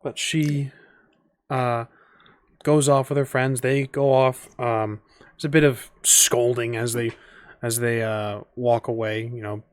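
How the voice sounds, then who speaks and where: A man running a tabletop game speaks at a middle pitch, narrating loosely and thinking aloud with frequent fillers. His voice is close to a desk mic in a dry room. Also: level tone, slow pace, clear, resonant tone, no echo. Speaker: game master.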